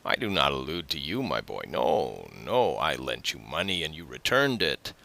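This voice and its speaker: A man voicing a grinning, envious young tailor neighbor in a loud, falsely hearty way. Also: rumbling low, big pitch swings, moderate pace, creaky, heavily acted.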